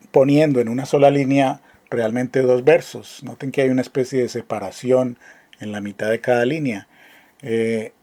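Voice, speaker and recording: A man teaching a literature class online, explaining step by step with frequent pauses and restarts. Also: mid-range voice, dark tone. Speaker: literature professor.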